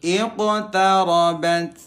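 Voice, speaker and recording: A man's voice: high voice, fairly even intonation, very slow, a bit bright. An Indonesian man teaching Quran reading, chanting Arabic examples with over-enunciated, stretched syllables. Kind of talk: instructional lesson with chanted Arabic recitation examples.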